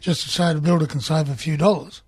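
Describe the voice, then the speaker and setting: A man's voice: on the high side, fairly even intonation, fast, slightly rough, no room sound. A man with an Australian accent talking bluntly and swearing casually on a radio panel. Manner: blunt, sweary, plain-spoken.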